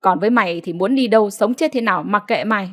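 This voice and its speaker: A woman's voice: mid-range voice, fast talker, dry recording, lightly acted. A woman voicing a violent hot-headed young village man who curses coarsely in a storybook reading. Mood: contemptuous. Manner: coarse, cursing, swaggering.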